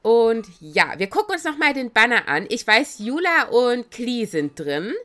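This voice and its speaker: A woman streams a video game with casual let's-play commentary, chatting in an excitable, giggly way. A cold leaves her voice slightly raspy; it's a little high and at a measured pace.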